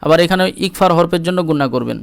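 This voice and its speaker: Man, patient Quran tutor; high, smooth voice, dry close sound. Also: no echo. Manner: slow syllable-by-syllable spelling, drawn-out melodic recitation. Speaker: Quran recitation teacher. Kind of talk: spelling-and-recitation lesson.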